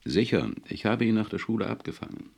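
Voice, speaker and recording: A man's voice: on the low side, animated, a little fast, vocal fry, darkish tone, voice pushed up. A man voicing a chubby, cigar-chewing talent scout who talks eagerly and boastfully.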